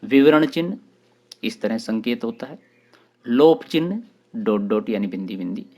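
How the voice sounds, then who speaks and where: A man hosting his own channel and teaching a grammar lesson for exam preparation, explaining terms one by one with short pauses. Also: on the low side, animated, dark tone.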